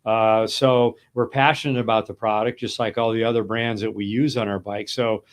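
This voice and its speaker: A man's voice: lowish voice, little pitch movement, normal speed. A man co-hosting a casual interview, playful and bantering. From Los Angeles area. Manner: playful, laughs easily, bantering. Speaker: podcast co-host.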